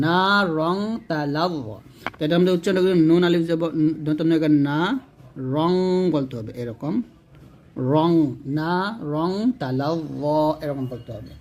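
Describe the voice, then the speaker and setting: High-voiced man teaching recitation rules. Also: a little mellow, a little hiss or hum. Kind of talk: online tajweed lesson.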